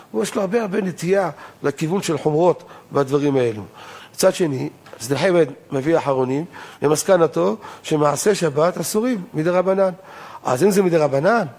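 A man's voice: a little high, darkish tone. An older man, a rabbi, giving a Torah law lesson in an emphatic lecturing manner, asking rhetorical questions and raising his voice on key points.

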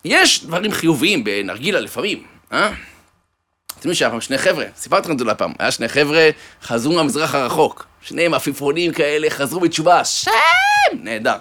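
A man giving a sermon, an animated storyteller who fills it with jokes and speaks fondly to his listeners. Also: a little high. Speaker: preacher. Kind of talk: sermon with joke-telling.

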